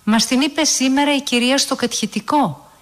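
Woman voicing an eight-year-old girl, storybook, inquisitive, chatty, raised pitch. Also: lightly acted. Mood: eager. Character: girl of eight, eager and curious.

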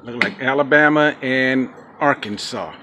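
A man's voice: medium pitch, unhurried, noisy background. A man in his forties co-hosting a casual road-trip vlog, explaining things to viewers in an upbeat, easygoing way. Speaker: vlog co-host. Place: outdoor patio and garage of a home. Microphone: camera a few feet away.

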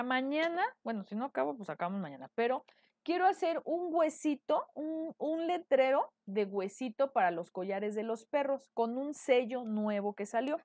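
A woman's voice: on the high side, a little mellow, dry recording. A woman with a Mexican accent, a decorative painting teacher, chatting through a live painting tutorial and checking in with her viewers often. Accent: Mexican Spanish.

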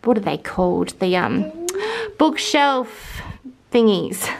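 A woman's voice: mid-range voice, animated, slow, vocal fry. A young Australian woman and mother giving a casual home tour for her family vlog, chatty and friendly with frequent ums and asides, in a child's bedroom.

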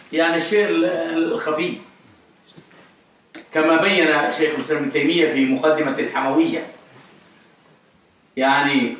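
Scholar lecturing in a mosque, high ringing voice, emphatic repetition, distant mic in a reverberant hall. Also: male voice, a bit bright. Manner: emphatic, repeats key phrases for stress. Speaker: Islamic scholar lecturing on creed. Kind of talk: religious lecture. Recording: echoey hall, voice picked up from afar.

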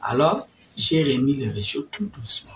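A woman's voice: a bass voice, moderate pace, faint music behind. Older lady telling her faith story, voice swings way up and down, mic kinda far off. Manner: animated storyteller, drops to whispers, laughs while talking. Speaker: testimony speaker.

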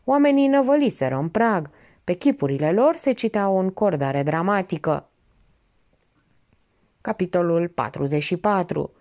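A woman narrating an audiobook with an expressive, steady reading. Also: lowish voice, lo-fi sound. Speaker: audiobook reader.

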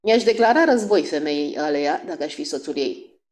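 A woman voicing a grumpy old man with a hoarse, trembling voice and a gruff, chuckling manner, in an audiobook. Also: sits low, expressive, a little mellow. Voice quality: hoarse, quavering.

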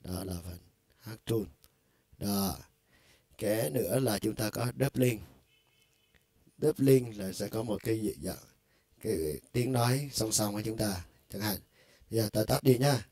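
A man with a low, gravelly voice walks through a keyboard's vocal effects in a loose, conversational way. His tone is dark and mellow. The sound is dry and close, with little room around it. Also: unhurried, pauses often, no echo. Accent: Vietnamese. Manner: loose and conversational, with frequent filler words. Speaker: music store product demonstrator. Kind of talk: casual instructional demo.

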